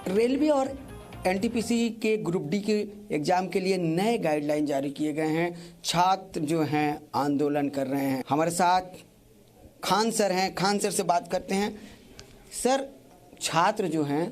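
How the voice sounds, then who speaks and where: A man's voice: high-pitched, darkish tone. A man working as a news reporter, putting probing questions to a guest in an interview.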